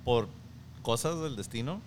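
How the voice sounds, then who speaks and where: A man's voice: medium pitch, lively intonation, measured pace, slight background noise. A young man with a Mexican accent, telling a personal story in slangy, candid casual chat as a podcast guest.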